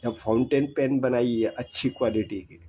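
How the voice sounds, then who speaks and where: A man's voice: medium pitch, steady tone, normal speed, warm tone, husky, rough recording. An older man giving earnest, repetitive advice about saving money. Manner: preachy, repetitive, exhorting. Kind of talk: earnest monologue.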